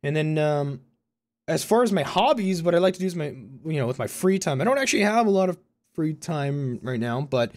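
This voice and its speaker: A young man in his early twenties from Concord, California, talks to his viewers in a casual vlog, his voice slightly high, expressive, brisk and a bit mellow. He's a YouTuber and university student with a Californian American accent who rambles informally, keeps correcting himself, and leans on "you know" and "like" a lot.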